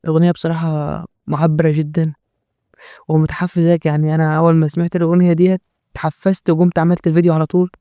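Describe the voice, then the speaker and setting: A man's voice: fairly high pitch, level tone, racing, dark tone, smooth, no room sound. A man with an Egyptian accent giving natural unscripted, joking commentary as a host, in a mocking, rambling way.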